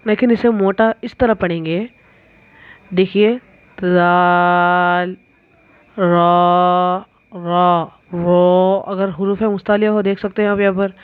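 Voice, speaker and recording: This mid-range woman's voice, recorded without echo but with a tinny, phone-like quality, drags out every Arabic letter sound as she teaches the alphabet. Short explanations fall between the letters in this slow recitation lesson.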